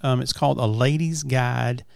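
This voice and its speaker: Casual male host on a farm, creaky low-key talker, dry sound, folksy and halting. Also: steady tone, a little mellow, no room sound. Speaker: podcast host. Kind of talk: casual chat. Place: at a family farm.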